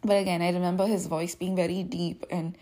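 A woman hosts her own podcast solo, talking casually and reflectively in a rambling way with plenty of fillers. Her voice is on the low side, mellow and level in tone, and she speaks briskly.

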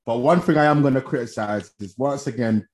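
A young man with a London roadman accent argues about football in casual conversation. His pitch is average for a man. He is insistent, repeating his verdicts in thick street slang. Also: brisk. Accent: London, multicultural street slang. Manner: insistent, repetitive arguing in slang. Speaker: football fan panellist.

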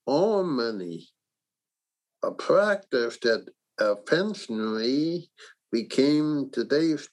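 A narrator and host reading a scripted children's story and facts in a theatrical, deliberate way. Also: mid-range voice, poor audio.

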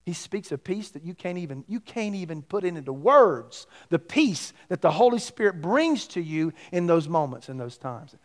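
A middle-aged man preaching a sermon as a pastor, emphatically, with rhetorical questions, swinging between loud and hushed delivery. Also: sits high, sing-song, moderate pace, few pauses. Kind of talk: sermon to a congregation.

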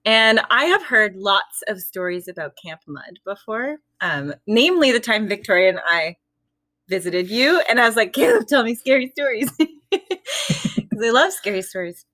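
Young woman, casual spooky storyteller, giggly, mid-pitched, dry close sound. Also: very animated, unhurried, pushed and bright, dry recording. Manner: giggly, laughs between sentences. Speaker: storytelling guest.

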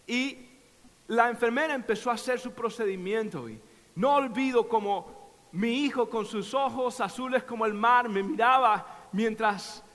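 A male preacher with a very high, sharp and bright voice delivers an impassioned sermon. He moves between hushed, low passages and shouted declarations. His voice rings out with a long hall reverb. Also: a little slow.

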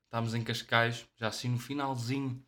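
A young man with a European Portuguese accent, co-hosting a podcast and telling stories in a relaxed way, often dropping an English "yeah". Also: medium pitch, fairly quick. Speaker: podcast co-host. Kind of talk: casual chat.

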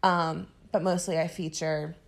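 A woman's voice: deep voice, flat delivery, unhurried, creaky. A woman in her twenties co-hosting a podcast, chatting casually and candidly, self-deprecating and often laughing. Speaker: podcast co-host. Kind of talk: casual chat.

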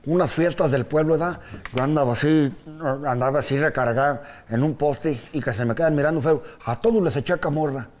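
Un viejo ranchero fanfarrón y bebedor, interpretado por un hombre, con acento mexicano y una voz algo aguda. Habla enredado, con mucha jerga de pueblo, como en un personaje de comedia improvisada. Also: male voice, fairly high pitch, brisk, darkish tone, slight background noise, natural voice. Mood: boasting. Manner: rambling, folksy, full of village slang. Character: boastful old rural man, brawler and drinker.

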